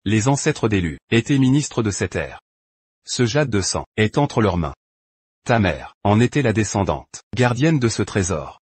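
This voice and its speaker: A proud, scheming duke in a French drama dub. The voice is husky and low, with a lively rise and fall. The recording is dry and close. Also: male voice, a little slow, dry recording, exaggerated voice. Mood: confessing. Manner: harsh, threatening. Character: scheming middle-aged duke, proud and vindictive.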